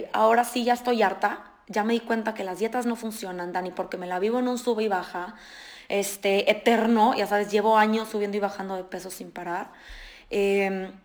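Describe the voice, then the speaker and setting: A woman nutritionist, explaining in casual podcast conversation and acting out her patients' words. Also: medium pitch. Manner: animated, explanatory, acts out patients' quotes.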